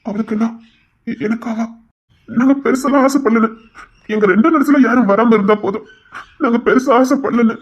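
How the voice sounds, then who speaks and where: A young man pleads and apologizes in a high, husky voice, as a man acts him out. The delivery is emotional and earnest throughout. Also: a little fast, pauses often, muffled recording.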